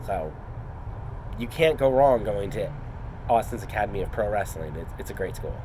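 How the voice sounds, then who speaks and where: A man's voice: fairly low pitch, lively intonation, normal speed, background noise. A man speaking off the cuff in an earnest, rambling, casual vlog style. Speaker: wrestling student.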